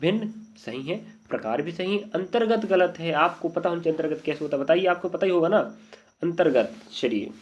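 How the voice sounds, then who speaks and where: A man's voice: on the high side, animated, a little fast. Man teaching a spelling lesson, lo-fi. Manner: repeated checking questions to students. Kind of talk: exam-prep Hindi spelling lesson. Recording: dull lo-fi audio.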